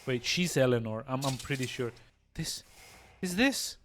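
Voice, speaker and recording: A man's voice: mid-range voice, lively intonation, unhurried, fairly bright tone, soft background music. A man giving casual let's play commentary, musing aloud and repeating words as he thinks. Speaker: video game player and commentator.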